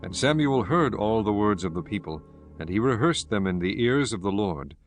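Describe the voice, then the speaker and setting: A man narrating scripture from a script in a measured, formal manner. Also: on the low side, animated, faint music behind.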